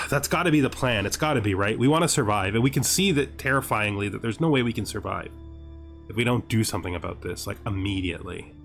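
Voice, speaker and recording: A fast-talking gaming series host with a fairly low pitch and fairly bright tone comments casually on a video game while music plays behind him. He reasons aloud with rhetorical questions and exasperated asides, occasionally reading text from the game.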